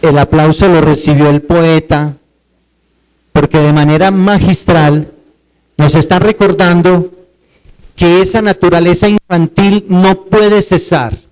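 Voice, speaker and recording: A man's voice: a little high, steady tone, a little mellow, rough recording. Man lecturing a seminar. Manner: quizzes the audience, spells words out slowly.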